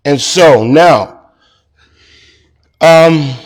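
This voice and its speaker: A man preaching as a pastor in a Bible study, talking slowly with many fillers and self-corrections. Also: on the high side.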